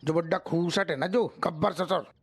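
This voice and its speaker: A gravelly-voiced, henpecked constable, played by a man grumbling and blustering about his household in a TV sitcom. The soundtrack carries clear noise under his voice. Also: a little high, moderate pace, natural voice. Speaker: police constable. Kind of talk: sitcom acting.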